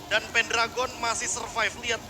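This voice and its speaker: A man's voice: extremely high pitch, level tone, normal speed, very noisy. An Indonesian man giving live esports match analysis as a co-caster.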